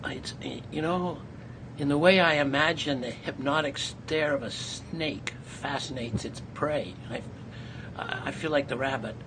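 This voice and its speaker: A man interviewing an artist, speaking in an effusive, halting way with many fillers. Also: a little high. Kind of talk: conversational interview. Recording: noisy background ambience.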